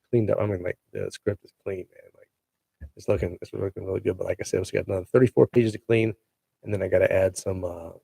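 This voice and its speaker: An actor hosting his own show chats casually with viewers, laid-back and slangy as he hypes his news into a handheld mic held close to his face. His voice is fairly low, creaky, warm, and husky, with no echo.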